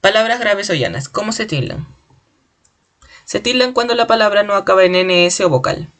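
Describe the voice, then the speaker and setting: Teacher, grammar lesson, clear and deliberate, spells out syllables slowly. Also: medium pitch, lively intonation, fairly bright tone. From Peru.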